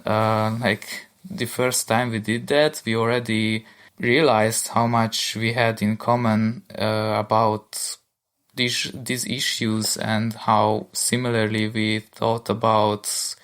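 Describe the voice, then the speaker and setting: A young man from Hungary, co-hosting a podcast, speaking thoughtfully with many pauses. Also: fairly low pitch, level tone, fairly bright tone. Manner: thoughtful, hesitant with fillers. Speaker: podcast co-host. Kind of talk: casual chat.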